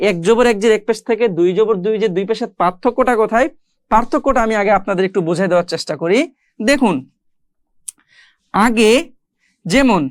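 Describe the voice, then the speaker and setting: A woman teaching Arabic letter pronunciation in a patient, step-by-step lesson, explaining and then slowly drilling each syllable aloud. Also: a little high, no room sound, studio quality. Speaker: Quran reading teacher.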